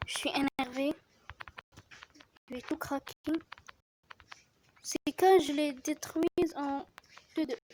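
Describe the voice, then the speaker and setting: A woman giving casual commentary over her own gameplay, excitable, yelling at the game and restarting her sentences often. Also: high-pitched, a little hiss or hum, poor audio. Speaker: gamer narrating her play. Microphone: phone screen recorder mic.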